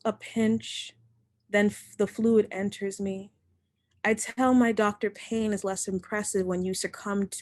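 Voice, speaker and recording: At home, a young woman reads her own poems into a computer mic in a middle-pitched, darkish voice with no echo. As poet and host of this poetry reading, she recites slowly and deliberately, giving every line weight, then slips into loose, chatty remarks between poems.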